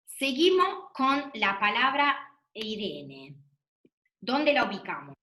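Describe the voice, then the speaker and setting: Bright-voiced woman teacher. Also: on the high side, very animated, slow pace. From Argentina. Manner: patient, questioning, affirming answers. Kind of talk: online class lesson. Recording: echoey room.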